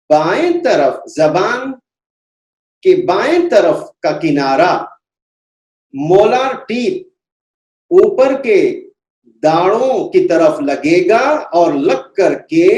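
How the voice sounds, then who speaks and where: Very slow, deliberate male recitation teacher. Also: sits high, a little mellow. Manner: deliberate, repeats each letter sound several times. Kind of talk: slow instructional lesson. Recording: echoey room.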